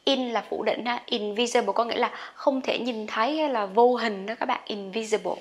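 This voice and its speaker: A woman teaching English pronunciation in a casual online lesson, chatty and full of friendly particles. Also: on the high side. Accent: Vietnamese. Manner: chatty, lots of sentence-final particles; drawn-out model words when demonstrating.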